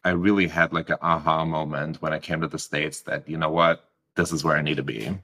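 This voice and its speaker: A man's voice: rumbling low, little pitch movement, brisk, bright, forceful tone. A man in his thirties from Germany with a heavy German accent, talking reflectively as an interview guest and often restarting his sentences. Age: 30s. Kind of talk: casual interview talk.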